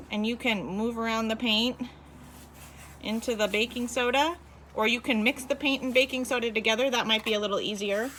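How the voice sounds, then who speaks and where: Woman, higher-pitched voice, kids show host manner, sing-song teacher talk for young children, noisy home recording. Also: pushed and bright. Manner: child-directed, sing-song, encouraging the viewer along. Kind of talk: kids show host style science and craft demonstration. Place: inside a home.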